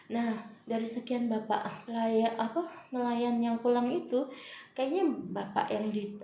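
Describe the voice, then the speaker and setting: A woman's voice: fairly high pitch, dark tone, a little hiss or hum. Chatty woman telling her story. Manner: chatty, addresses viewers as guys, emotional retelling. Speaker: vlogger. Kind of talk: casual personal storytelling. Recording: echoey room, slightly dull sound.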